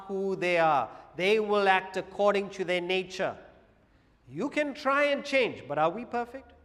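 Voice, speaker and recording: High-voiced man lecturing in a hall. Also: a bit bright. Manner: measured, with dramatic pauses and humorous asides. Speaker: lecturer on Vedanta philosophy. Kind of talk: public talk to a live audience.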